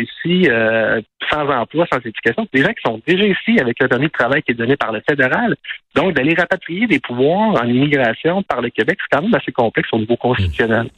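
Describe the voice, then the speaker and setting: A man's voice: medium pitch, a bit bright, breathy edge, no room sound, poor audio. A man with a Quebec French accent, speaking as an immigration specialist in a conversational, explanatory interview style. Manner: conversational, explanatory, with concrete examples. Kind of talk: radio interview, explaining and arguing.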